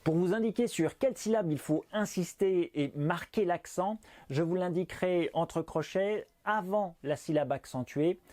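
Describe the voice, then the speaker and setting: A man teaching pronunciation in a video lesson, explaining clearly and emphatically, slowing down to model each sound, with playful asides. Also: high voice, warm tone. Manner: playful, self-mocking asides.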